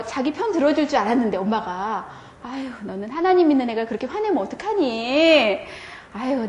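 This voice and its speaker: A woman Sunday school teacher talks fellow teachers through her lesson plan. Her voice sits a little high, and she tells the story in a lively, animated way full of rhetorical questions. The sound is roomy and echoey. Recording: echoey room.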